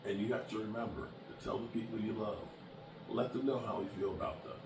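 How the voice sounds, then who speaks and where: Fairly quick and on the low side, with fairly even intonation, this man in his late fifties delivers a casual sports-vlog chat to camera. He's blunt and emphatic, starting out annoyed and growing heartfelt, captured from a distance in an echoey room with background noise.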